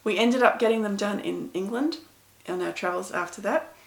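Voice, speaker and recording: Speaking at normal speed, a middle-aged woman from Pakistan talks casually to camera as an author responding to readers, telling stories and poking fun at herself. Her voice is medium-pitched and creaky, with reverberation around it.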